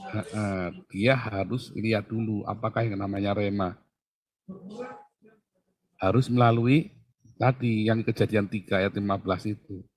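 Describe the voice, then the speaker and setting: A man's voice: lowish voice, steady tone, unhurried, pauses often. A male pastor answering a Bible question, teaching through emphatic questions he puts to his listener.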